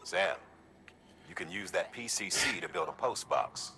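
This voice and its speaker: A measured, low-voiced mission director. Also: male voice, animated, very noisy. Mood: instructive. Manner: instructive, measured. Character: middle-aged male mission director guiding a courier. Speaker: mission giver. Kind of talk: game dialogue.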